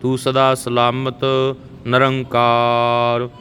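A man teaching scripture pronunciation, reciting verses in a measured way and correcting words in quick asides. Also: completely flat delivery, fairly bright tone. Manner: slow measured recitation, brisk spoken corrections. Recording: reverberant hall, faint rumble.

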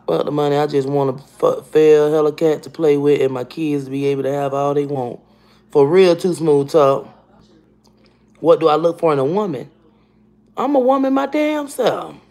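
Broadcasting from her home kitchen, a woman livestreams on a phone held at arm's length, reading comments aloud and chatting casually with her audience. Her voice is deep for a woman, and she's blunt, profane and animated, calling viewers by name.

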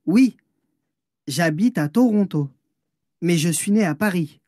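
A man playing a friendly adult speaker in a scripted language-course dialogue, speaking slowly and clearly. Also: high-pitched, lively intonation, warm tone, no room sound, clean studio sound. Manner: slow, clearly spoken textbook dialogue.

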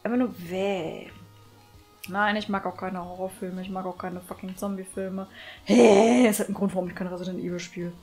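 A woman's voice: medium pitch, fairly even intonation, fairly quick, darkish tone, faint music behind. A woman giving casual, sarcastic commentary while playing a game, swearing and grumbling a lot. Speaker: let's play streamer.

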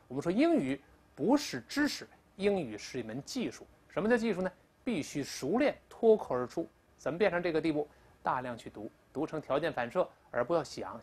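An English teacher giving a recorded lecture, explaining step by step, asking the class questions and repeating words slowly for drilling. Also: medium pitch, darkish tone, husky. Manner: asks questions of the class in a sharply raised voice. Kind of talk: recorded grammar and pronunciation lecture.

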